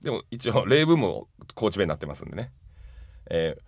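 A man's voice: fairly low pitch, big pitch swings, a little fast, no room sound, clean studio sound. A man with a Kansai accent co-hosting a radio variety show, chatting casually and running a quiz. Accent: Kansai Japanese. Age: 40s. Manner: laid-back and chuckling, reads quiz lines in a rising announcer voice. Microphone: studio microphone.

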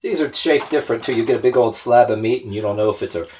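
A man with a mid-range, slightly mellow voice talks quickly and crudely while cutting meat for his home cooking show in a small kitchen. He jokes and chats as he chops. A camera on the counter captures it all, kitchen clatter included.

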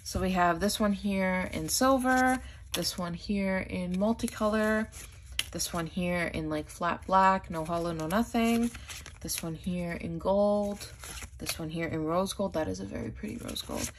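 A chatty young woman with a lowish voice talks her way through an unboxing haul, gushing and peppering her speech with "like" while she has the hiccups. A faint hiss sits under the recording. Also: unhurried. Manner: chatty, says "like" often, gushing over items. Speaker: haul vlogger. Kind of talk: casual unboxing chat.

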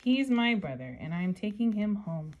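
A woman's voice: medium pitch, very animated, moderate pace, a little mellow, highs cut off, lightly acted. A woman reading as a determined little girl. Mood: firm. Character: brave little girl determined to bring her brother home.

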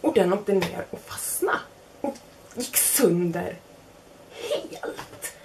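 This young storyteller's voice sits on the low side, with vocal fry, and the background is noisy. She pokes fun at herself in a casual anecdote, lively as she imitates what other people said.

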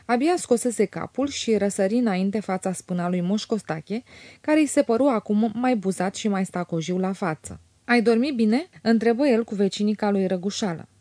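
A woman narrating a classic novel as an audiobook in a measured, even way. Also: medium pitch, no echo, studio quality.

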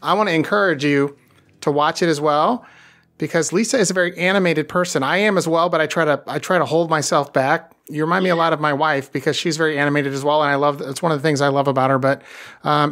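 Chatting with a guest on his business podcast, the host rambles enthusiastically and draws out his words in a relaxed interview style. He has a fairly high-pitched, slightly bright voice.

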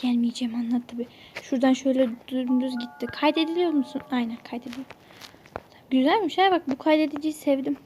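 A woman playing a mobile horror game with casual commentary. She curses freely, sinks into hushed whispers while sneaking, and breaks into alarmed exclamations, recorded through a phone's screen recorder. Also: sits high, fast talker, slight background noise. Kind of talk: casual let's-play commentary. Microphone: phone screen recorder mic.

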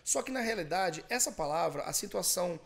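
A Brazilian man teaching English in a relaxed, chatty podcast lesson. His voice sits a little high, and he keeps checking in with quick tag questions as he explains. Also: creaky. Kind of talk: casual bilingual English lesson.

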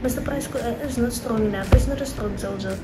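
A woman's voice: fairly high pitch, quick pace, over loud music, low-quality recording. A young South African woman chatting casually to her viewers in a travel vlog, calling them babes and dropping in Afrikaans words. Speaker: travel vlogger.

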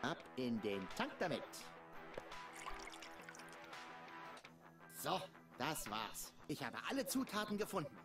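A man's voice: fairly high pitch, wildly swooping pitch, moderate pace. A man voicing a cocky, casual young hero in an adventure video game, with a flippant manner. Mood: matter-of-fact. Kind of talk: video game character acting. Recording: music behind the voice.

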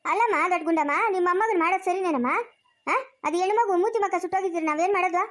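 In a comic family skit, a woman portrays a feisty village grandmother who fiercely protects her own and is quick to quarrel. She uses a rural Chikkaballapur Kannada accent and a very high voice at a brisk clip, her mood quarrelsome and her manner scolding and rapid.

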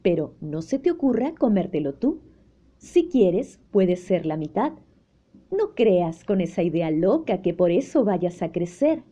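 A woman's voice: lowish voice, very animated, unhurried. A woman voicing a strict, caring storybook mother. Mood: firm. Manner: firm, scolding, warm.

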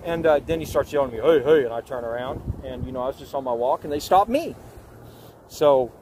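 A man's voice: mid-range voice, animated, fairly quick, a little mellow, a little hiss or hum, rough recording. A man in his fifties from Oklahoma, a YouTube host and gun rights activist, talking emphatically about his rights outdoors on a street. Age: 50s. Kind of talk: casual street conversation.

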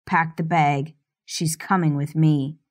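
A woman's voice: low-pitched, fairly even intonation, takes it slowly, pitched below the performer's own voice. A woman voicing a cold, domineering rich young man who speaks in icy, clipped commands, in an audiobook. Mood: cold commanding.

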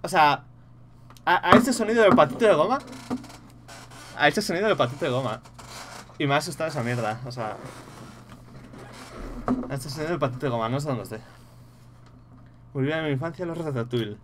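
A man's voice: mid-range voice, brisk, long pauses, a bit bright, a little hiss or hum. A young man with a Spain Spanish accent giving casual, profanity-laced commentary while playing a horror game, yelping when startled. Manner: swears freely, yelps when startled. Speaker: gaming streamer.

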